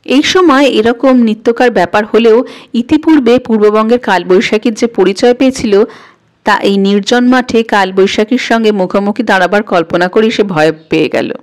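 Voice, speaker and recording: A woman's voice: fairly high pitch, rough recording. Woman reading a story aloud. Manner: measured, expressive storytelling. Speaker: audiobook narrator. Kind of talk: scripted story narration.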